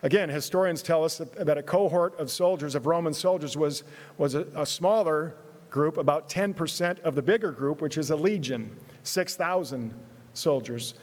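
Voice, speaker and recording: A man preaching a sermon in an earnest way, repeating words, moving between loud emphasis and hushed, quiet phrases. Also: on the high side, normal speed. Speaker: pastor. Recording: long hall reverb.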